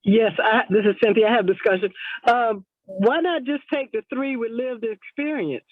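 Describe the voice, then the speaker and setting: A woman's voice: fairly high pitch, normal speed, no room sound. Woman on a breaking-up phone line. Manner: direct, questioning. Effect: breaking-up bad connection. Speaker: board member calling in. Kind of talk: board meeting discussion. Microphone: phone call into a virtual meeting. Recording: tinny, dry phone line.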